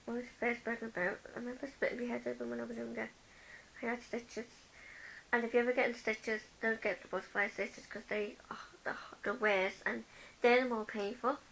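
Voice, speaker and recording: A woman's voice: a little high, little pitch movement, a little fast, gravelly, a bit bright, slight background noise, poor audio. A young woman from the UK vlogging a tag video, chatting as she reads each question aloud and answers it with personal stories.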